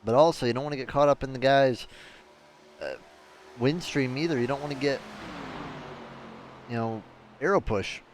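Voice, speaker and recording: A man giving live race commentary in a chatty, excitable way that turns analytical. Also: mid-range voice, moderate pace, pauses often, a little hiss or hum. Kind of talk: live sim racing commentary.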